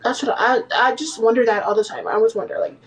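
A young woman hosting a prank video chat, asking strangers odd questions in a rambling, deadpan way. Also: on the high side, fast talker, poor audio. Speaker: livestream host.

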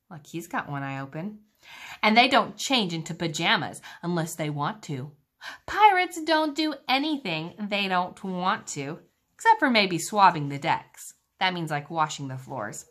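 A woman teacher reads a picture book aloud to young children, her bright voice rising and falling with lively expression. She pauses to ask her listeners about the pictures and draws them into the story. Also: on the low side. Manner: engaging, asks the listening children questions.

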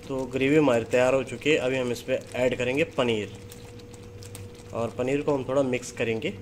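A man's voice: mid-range voice, steady tone, normal speed, a little hiss or hum. Man explaining a cooking recipe. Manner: plain step-by-step explaining. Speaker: chef. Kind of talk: cooking demonstration narration. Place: kitchen.

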